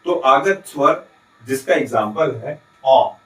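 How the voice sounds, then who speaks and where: A man from Chhattisgarh with a Chhattisgarhi Hindi accent teaches a recorded classroom lesson, explaining step by step, asking and answering his own questions, and adding frequent checking tags to make sure students follow. His mid-range voice is animated and a bit bright, at a slow pace. The audio is reverberant and rough.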